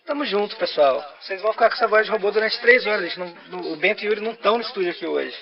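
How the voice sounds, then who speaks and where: A Brazilian podcast co-host uses a half-robotic voice filter, teasing and reading out donations as if he were a programmed machine, in casual banter from a podcast studio. His high-pitched, gravelly voice has lively intonation and a very fast pace, with dull audio.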